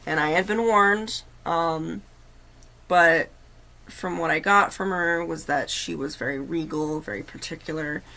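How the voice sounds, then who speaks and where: A woman hosting a livestream, telling a personal story in an earnest, halting, confiding way. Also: low-pitched, creaky, pushed and bright. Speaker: livestream host. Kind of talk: casual storytelling.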